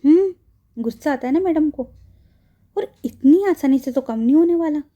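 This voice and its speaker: A woman's voice: high voice, lively intonation, moderate pace, mellow, muffled recording, voice pushed up. A woman voicing a bossy, chatty young woman friend who teases and gives orders in a storybook audio drama. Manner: bossy, teasing.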